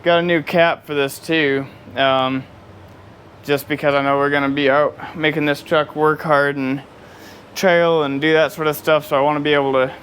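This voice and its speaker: A man's voice: on the high side, level tone, moderate pace, a bit bright, a little hiss or hum. A tired man vlogging outdoors beside his truck, rambling easily with lots of fillers. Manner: rambling, easygoing, with many fillers and laughs. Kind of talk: casual off-the-cuff vlog talk.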